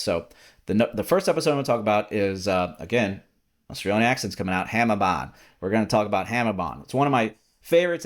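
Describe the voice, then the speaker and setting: Man, podcast host, lowish voice, casual rambling chat, lots of fillers and restarts. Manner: rambling, with many fillers and repeated words; relaxed and talkative.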